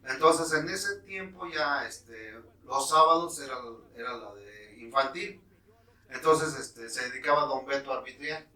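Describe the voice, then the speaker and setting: A man in his fifties from Mexico, a guest telling in a relaxed way, with many fillers, how he became a referee. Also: medium pitch, unhurried, roomy sound, recorded from a distance, rough recording. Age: 50s. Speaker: guest, former futsal referee. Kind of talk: casual interview storytelling.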